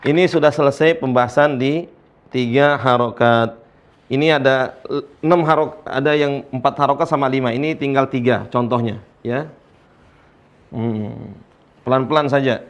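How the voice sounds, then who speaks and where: A man teaching Quran recitation to young learners, patiently explaining letter lengths and chanting the letters slowly for students to repeat. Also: medium pitch, steady tone.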